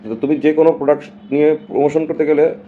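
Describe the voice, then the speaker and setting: A man's voice: on the high side, little pitch movement, very fast, slight background noise. Emphatic man, lo-fi stream. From Bangladesh. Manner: emphatic, mixes English phrases into Bengali. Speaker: streamer addressing viewers. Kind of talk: casual live-stream talk.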